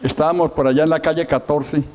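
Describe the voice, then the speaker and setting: A man's voice: fairly high pitch, fairly even intonation, fast talker, a little mellow. A middle-aged man, a pastor preaching a sermon, telling his story with emphasis and self-mocking humor. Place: church hall with long reverb. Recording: long hall reverb.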